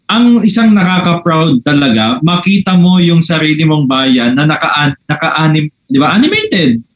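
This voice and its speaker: A man's voice: on the high side, big pitch swings, moderate pace, dull audio. A Filipino man co-hosting a podcast in a laid-back, musing way. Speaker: podcast co-host. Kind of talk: casual chat.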